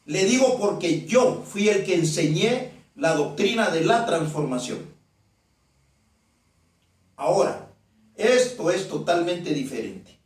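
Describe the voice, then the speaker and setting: Preacher, male, fairly high voice, emphatic sermon, recorded from a distance in a very echoey room. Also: lively intonation. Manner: emphatic, repeats phrases, reads verses slowly. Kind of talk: sermon with scripture reading. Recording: very echoey, from far off the mic.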